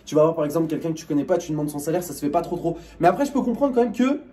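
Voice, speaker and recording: A man's voice: fairly high pitch, expressive, very fast, a crowd in the background. Hesitant French man explaining to viewers. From France. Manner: hesitant, many restarts and fillers. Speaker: YouTuber co-host. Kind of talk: casual explanatory chat to viewers.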